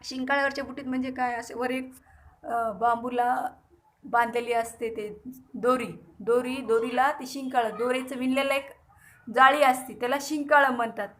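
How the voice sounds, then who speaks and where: A woman's voice: high voice, fairly even intonation, normal speed, a bit bright. A woman teacher with a Marathi accent, reading a story aloud to young pupils, repeating lines, quizzing the children and acting out the characters.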